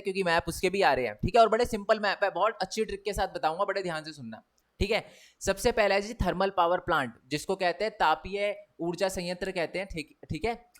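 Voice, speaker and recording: A young male teacher gives a chatty exam revision lesson, speaking in. His voice sits high for a man, and he keeps asking the students whether they follow. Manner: chatty, repeats tag questions.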